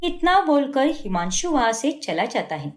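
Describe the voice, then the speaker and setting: A woman narrating a children's cartoon story in a steady, scripted way. Her voice is high and very lively in pitch. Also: moderate pace.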